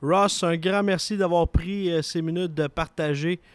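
A man hosting a radio show, brisk and friendly as he wraps up interviews and introduces segments. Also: on the high side, fairly even intonation, dry recording. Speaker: radio host.

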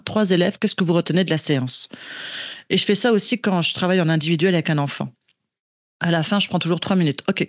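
A woman's voice: on the low side, no room sound. A woman teacher with a Québécois French accent, chatting casually on a podcast and thinking aloud with frequent restarts. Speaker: teacher and guest.

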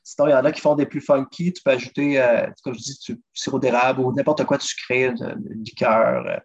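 A drummer and food traveler with a Québécois accent guests on a podcast, speaking briskly in a husky, medium-pitched voice. He's lively and chatty as he eagerly explains recipes, saying "listen" over and over in casual interview conversation. Dull lo-fi recording.

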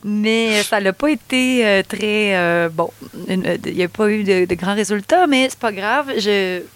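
A Québécois woman talks as a singer being interviewed, telling stories in an animated, easygoing way. She laughs often and fills her speech with little fillers. Her voice sits at an ordinary pitch for a woman. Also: measured pace. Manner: animated storytelling, laughs easily, lots of fillers. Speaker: singer guest. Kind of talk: casual interview chat.

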